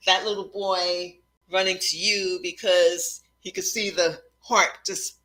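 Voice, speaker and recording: Woman host, slow and deliberate, bright tone, teacherly. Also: lowish voice, fairly even intonation, rough recording. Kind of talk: casual spiritual conversation.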